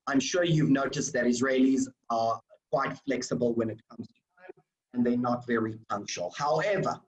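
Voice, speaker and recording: Guy running a culture training session, fairly high voice, kinda echoey room, lots of ums. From South Africa. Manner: explanatory, with fillers and restarts.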